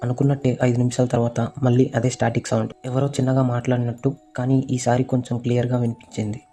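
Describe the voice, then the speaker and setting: A man narrating a first-person horror story in a steady, monotone voice. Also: medium pitch, fast talker, soft background music.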